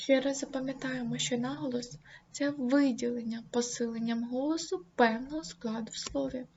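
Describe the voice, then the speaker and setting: A woman teacher giving a grammar lesson, saying example words slowly and deliberately. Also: steady tone, a little mellow. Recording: dull low-fi recording, faint noise.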